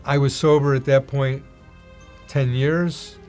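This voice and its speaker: A middle-aged man giving a personal testimony in an animated storytelling manner, acting out the dialogue he recalls. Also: medium pitch, slow pace, faint music behind. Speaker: testimony speaker.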